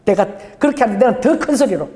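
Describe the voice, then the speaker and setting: A woman's voice: a little high, fast talker. An older woman pastor preaching a sermon, calling for responses from the congregation. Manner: call-and-response preaching, animated. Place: church sanctuary. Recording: church hall reverb.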